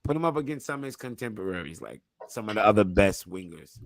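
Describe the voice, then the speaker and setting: A man's voice: fairly low pitch, sing-song, fast, no echo. A man hosting a casual sports debate, talking bluntly with plenty of slang and swearing. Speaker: show host.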